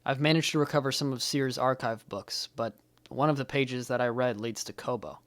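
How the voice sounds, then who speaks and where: A man's voice: mid-range voice, fairly even intonation, moderate pace, a bit bright, lightly acted. A man playing a guilt-ridden young male Jedi who speaks earnestly and blames himself. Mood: worried. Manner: earnest, self-blaming, subdued.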